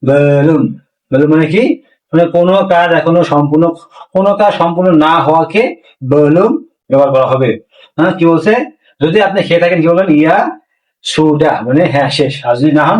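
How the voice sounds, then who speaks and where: Guy teaching a language class, bit high voice, sounds far from the mic, echoey room. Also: darkish tone. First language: Bengali. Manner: repeats words slowly to drill pronunciation. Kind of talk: spoken language lesson.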